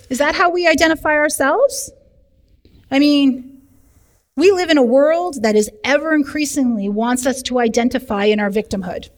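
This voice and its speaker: High-voiced woman teaching in a reverberant hall. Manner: lively, talks directly to the room with humor. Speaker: recovery program leader. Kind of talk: sermon teaching. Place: church meeting room.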